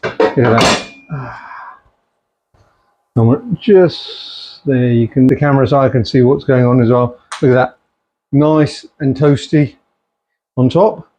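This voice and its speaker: A man's voice: medium pitch, fairly even intonation, slow pace, pauses often, darkish tone. A middle-aged man casually showing home cooking in his kitchen, chatting easily and slipping in Punjabi-Urdu phrases. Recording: dull lo-fi home recording.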